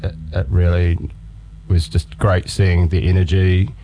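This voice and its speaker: A man with a New Zealand accent hosting a radio show in casual, laid-back, slangy and halting chat. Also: low-pitched, little pitch movement, warm tone, a little hiss or hum.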